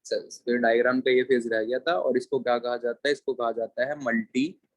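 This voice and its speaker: Male biology teacher, classroom lecture, slow dictation, repeats terms, dry sound. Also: mid-range voice, little pitch movement, dry recording. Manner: mixes English terms into Hindi explanation. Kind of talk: classroom lecture with board writing.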